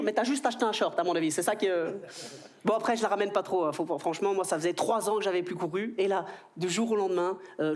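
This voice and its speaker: A man in his thirties with a Belgian French accent, performing an animated stand-up comedy routine on stage. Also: high-pitched. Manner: animated, jumps into quoted voices. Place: stage before a live audience.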